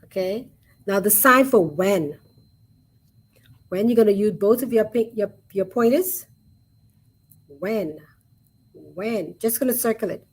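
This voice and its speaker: Woman, sign language teacher, online webinar, slow, husky, patient, soft repetitions. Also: medium pitch, expressive. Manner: slow, patient, repeats each word softly while demonstrating signs.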